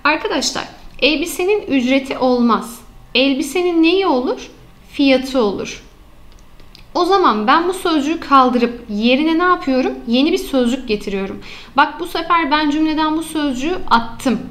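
A woman teacher with a high voice walks her students through example sentences in an online lesson. She poses questions to the class and answers them herself, drawing out the key terms slowly so they stick. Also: lively intonation, fairly bright tone. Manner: slows and stresses key terms.

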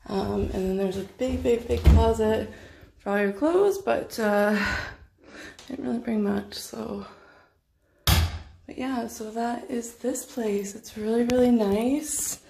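A woman's voice: on the high side, slow, vocal fry, mellow, a little hiss or hum. A woman in her thirties chatting casually into a handheld phone while showing a hotel room. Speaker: vlogger. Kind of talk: casual room-tour vlog chat. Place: hotel suite indoors.

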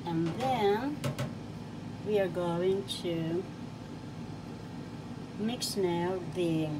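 A woman's voice: fairly low pitch, extremely slow. An older woman from the Philippines, cheerfully talking through a home cooking demonstration and listing each ingredient. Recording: home recording with audible background noise.

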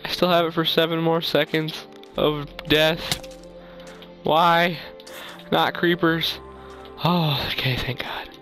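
A man commentating his own gameplay, blurting excitable reactions and jokes at what happens on screen. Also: fairly high pitch, takes it slowly, soft background music. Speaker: gaming commentator. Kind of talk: let's play commentary.

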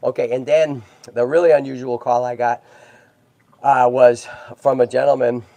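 A man's voice: mid-range voice, level tone, normal speed, vocal fry, mellow, dry recording. A man hosting a tortoise rescue livestream in casual chat, talking in a chatty way and checking in often with "right?" and "okay?".

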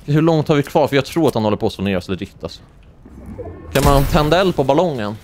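A young man from Sweden commentating his own gameplay live, excitable and quick to yelp when something surprises him. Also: background noise. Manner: excitable, swings into high-pitched yelps when surprised. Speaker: gaming streamer.

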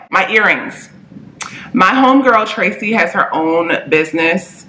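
A woman's voice: mid-range voice, sharp tone, echoey room, poor audio. A woman in her thirties vlogging about personal finance in a chatty, upbeat way, full of slang and asides. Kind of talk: casual chat to camera.

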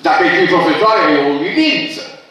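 A man's voice: fairly high pitch, big pitch swings, pushed and bright, slight background noise. An older man giving a lecture at a book launch. He corrects word usage in a pedantic way and bursts out with emphatic objections. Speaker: professor presenting his books. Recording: very echoey hall, speaker far from mic.

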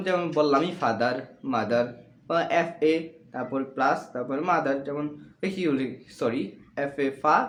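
A man teaching a lesson, asking his own questions and answering them, often checking that the listener is following. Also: medium pitch. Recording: echoey room, faint noise.

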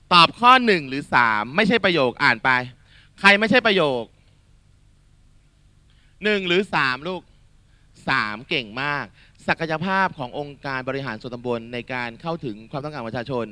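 A male tutor runs an energetic exam-prep lesson, quizzing students and coaxing answers out of them. His voice is very bright and forceful, sitting a little high. The sound is dry and close. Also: normal speed, dry recording. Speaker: Thai tutor.

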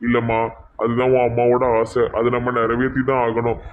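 A man's voice: mid-range voice, completely flat delivery, a little fast, narrow, tinny audio, slight background noise, close to an everyday voice. A man playing a grieving, stern middle-aged widowed father with a Tirunelveli Tamil accent, speaking earnestly. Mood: sad.

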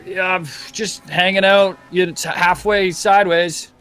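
A man chats on a gaming stream, telling jokey stories with a bright, fairly high voice. His talk is loose and playful. He speaks into a headset mic. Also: fairly even intonation, a little slow, clean tone. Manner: joking storyteller, laughs often. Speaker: stream guest. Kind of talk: casual gaming chat.

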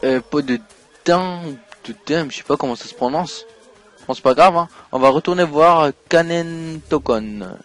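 A man giving let's play commentary while playing a game, excitable, swinging from mumbled asides to loud outbursts. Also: on the high side, unhurried, faint music behind. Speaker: gaming YouTuber.

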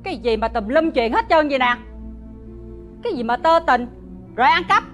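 Stern matriarch head of the house, bright high voice, faint score behind. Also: female voice, animated, moderate pace, soft background music. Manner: stern, scolding. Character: stern wealthy matriarch, mother-in-law, commanding. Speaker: household mistress.

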